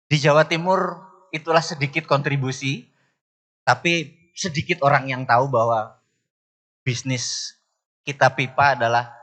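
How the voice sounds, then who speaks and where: A middle-aged man telling stories from his life to an audience, animated, often jumping high in pitch to act out other people and asking the crowd whether he is right. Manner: asks the audience "bener nggak?". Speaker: business speaker. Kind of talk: storytelling talk to an audience.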